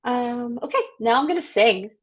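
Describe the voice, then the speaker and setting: A woman with a trained soprano voice leads a voice workshop over a video call. She talks in a chatty, upbeat way, full of encouragement and relaxed fillers. She sounds like a coach guiding a group. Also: a little high, normal speed. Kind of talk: online voice workshop instruction.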